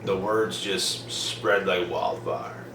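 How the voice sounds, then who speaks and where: Young man, blunt profane vlog rant, low voice, echoey room, noisy background. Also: steady tone, slow, far from the mic. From Prince Edward Island, Canada. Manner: blunt, profane, emphatic repetition. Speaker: vlogger. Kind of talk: casual monologue to camera. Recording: roomy, off-mic, noisy background.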